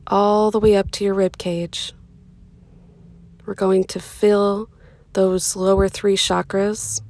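Guiding a meditation, a woman speaks soothingly and without hurry, leaving pauses between short phrases. Her voice sits at a medium pitch and is soft, sometimes becoming breathy.

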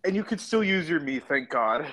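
Hoarse young man chatting excitedly. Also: a little high, normal speed. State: hoarse, lost his voice. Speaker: podcast co-host. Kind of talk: casual chat.

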